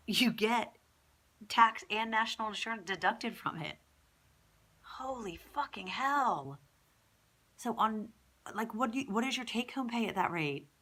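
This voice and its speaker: Stuffed up with a cold, a young woman from southern England rambles through her laid-back pregnancy vlog, sounding exasperated and using lots of fillers. Her voice is a little high with a sharp tone.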